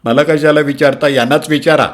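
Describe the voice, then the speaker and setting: Shrill, quarrelsome middle-aged aunt, voiced by a man, high and forceful. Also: steady tone, brisk, close to an everyday voice. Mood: angry wailing. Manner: shrill, scolding. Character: loud tearful middle-aged aunt, quick-tempered.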